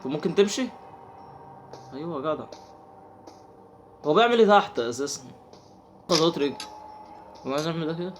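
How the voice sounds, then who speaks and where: A man's voice: fairly high pitch, expressive, fast talker, pauses often, a little hiss or hum. A young man with an Egyptian accent, commentating a horror game he is playing, talking to himself and yelping when startled. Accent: Egyptian Arabic. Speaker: gaming channel host.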